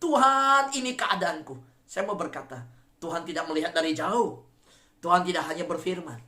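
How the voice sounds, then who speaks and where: A woman pastor preaching a sermon dramatically, swinging between loud, emphatic peaks and hushed, quiet passages. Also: low voice, a little fast. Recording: echoey room.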